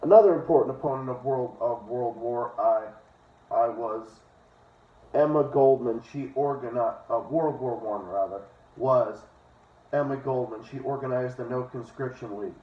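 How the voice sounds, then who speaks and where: Reading a book aloud at normal speed, this mid-range male voice keeps breaking in with opinionated and sometimes profane remarks. He is an online reader and commentator, recorded in an echoey room through a distant, dull microphone.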